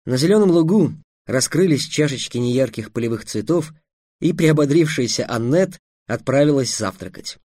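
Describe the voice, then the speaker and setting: A man narrates an audiobook with a lively, animated delivery and a mid-range voice. The recording is dry and close, with no room sound. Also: mid-range voice, normal speed, breathy edge, dry recording. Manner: expressive storytelling.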